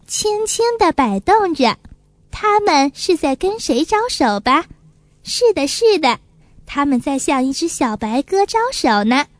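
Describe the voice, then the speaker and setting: A woman reading a children's story aloud in a gentle, expressive way. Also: high-pitched, dry recording. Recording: faint background music.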